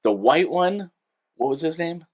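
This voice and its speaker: A man co-hosting a podcast, telling childhood stories in a casual, animated way with lots of laughing and acted-out quotes. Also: a little high, a little slow. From California. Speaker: podcast co-host. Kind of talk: casual storytelling chat.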